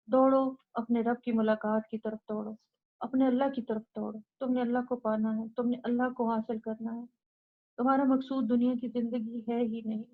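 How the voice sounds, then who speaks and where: A woman delivers a Quran lecture in an urgent, exhorting way, driving her points home through repetition. Her voice sits fairly high. The recording is dull and lo-fi. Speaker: Quran teacher.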